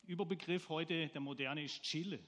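A man delivers a sermon, telling a homely story and asking his listeners questions. His voice sits high for a man. A long reverb trails behind him in a church hall. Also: fairly even intonation, normal speed, fairly bright tone. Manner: storytelling, asks the congregation questions. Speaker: preacher.

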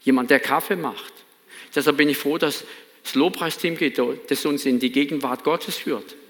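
German pastor preaching in a reverberant hall. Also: male voice, on the high side, moderate pace, fairly bright tone. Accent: Baden German. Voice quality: earnest, emphatic preaching with repeated phrases. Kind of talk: sermon. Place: church hall.

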